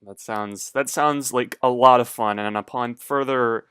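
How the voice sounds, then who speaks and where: A man's voice: medium pitch, steady tone, unhurried, sharp tone, clean tone, dry recording. A young man co-hosting a casual podcast, rambling and hesitant with lots of fillers and swearing. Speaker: podcast co-host.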